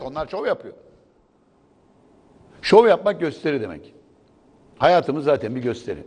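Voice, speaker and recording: A man giving sarcastic morning news commentary in a TV studio. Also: mid-range voice. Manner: sarcastic, mocking.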